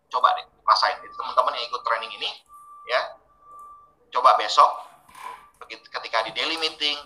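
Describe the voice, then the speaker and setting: A man's voice: mid-range voice, reverberant, a little hiss or hum, low-quality recording. A man giving a training webinar, talking casually and putting questions straight to his audience. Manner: lively, questioning audience directly.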